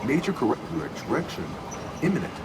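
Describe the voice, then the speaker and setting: A glitching male archive AI from a video game, looping on errors and chopping his words into stuttered fragments. The voice swings widely in pitch. It sits back from the mic under a steady hum of machinery. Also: normal speed. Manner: repeats and cuts off syllables, error loops. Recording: distant game audio with loud hum.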